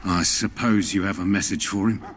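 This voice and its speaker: A man's voice: low-pitched, steady tone, moderate pace, slight background noise, natural voice. A man voicing a gossipy camp guard. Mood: chatty. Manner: conspiratorial, chatty. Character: gossipy adult male camp guard, loyal soldier. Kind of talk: video game voice acting.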